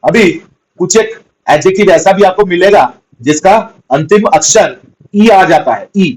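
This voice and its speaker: Male tutor, fairly high-pitched, steady classroom explaining, checks understanding often. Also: measured pace, rough recording. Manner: patient, repetitive, spells out words letter by letter. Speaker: teacher. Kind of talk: grammar lesson.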